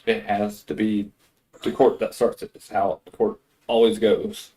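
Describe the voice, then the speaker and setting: A man's voice: fairly low pitch, little pitch movement, unhurried, mellow, low-quality recording. A man chatting casually as a player at a tabletop game.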